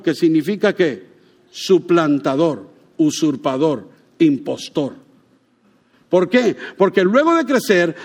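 A male preacher delivers a sermon with an emphatic, questioning manner, pausing to ask the congregation rhetorical questions. His voice sits high for a man, and he slows down to stress key words.

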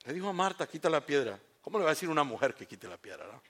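A man preaching a sermon in church, reading a scripture story aloud with joking asides, rising to loud proclamations and dropping to hushed, slow lines. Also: on the high side, very animated. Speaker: pastor.

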